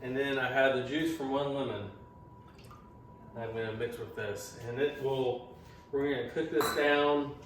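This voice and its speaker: A man's voice: medium pitch, steady tone, moderate pace. A man, a father, giving a chatty, explanatory home cooking demonstration with some teasing. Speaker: home cook and channel host, a father. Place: home kitchen. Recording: echoey room, mic far off, faint noise.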